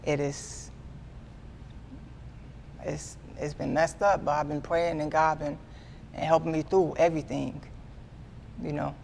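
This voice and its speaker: A Midwestern US man in his twenties, a guest artist, gives a candid sit-down interview, earnest and halting, often repeating himself as he restarts. His voice is fairly high, gravelly and a little mellow, with a flat delivery. There's a little hiss or hum on the recording.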